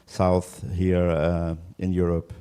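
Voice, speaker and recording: Man, farmer giving a conference talk, low voice, very slow, mellow tone, halting with lots of fillers. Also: monotone, clear, resonant tone. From Denmark. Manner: hesitant, many fillers and restarts. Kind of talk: conference presentation. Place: conference room.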